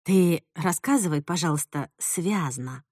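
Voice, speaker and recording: A woman voicing a gentle, cautious middle-aged mother who speaks softly and carefully. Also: on the low side, lively intonation, a little slow, no echo, clean studio sound, voice pushed down. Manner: soft, quiet, careful.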